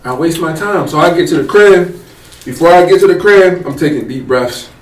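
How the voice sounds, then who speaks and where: Animated young man telling a story, echoey room. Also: on the high side, normal speed. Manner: animated, acts out quoted dialogue. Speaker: co-host. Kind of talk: casual storytelling chat. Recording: echoey room, mic at a distance.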